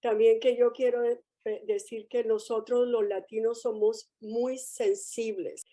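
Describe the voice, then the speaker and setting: A woman taking part in a church class discussion, speaking earnestly and measured. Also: on the high side, flat delivery, warm tone. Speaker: class participant. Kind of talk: group discussion.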